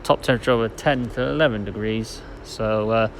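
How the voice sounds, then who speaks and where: A man's voice: lowish voice, brisk, creaky. A man giving casual, matter-of-fact trainspotting commentary outdoors on a station platform, a little hesitant. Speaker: trainspotting video host. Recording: noisy outdoor station recording. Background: station and vehicle noise.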